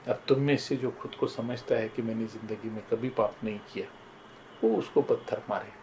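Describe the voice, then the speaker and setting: A man's voice: fairly low pitch, fairly even intonation, normal speed, warm tone, slight background noise, poor audio. An older man giving a motivational talk, earnestly telling personal and moral stories and often turning to address his listeners as friends. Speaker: motivational speaker.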